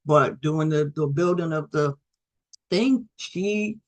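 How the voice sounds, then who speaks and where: Over a video call, a middle-aged woman presents as a guest storyteller, animated and acting out the voices of the people in her tales. Her voice is deep and her delivery slow.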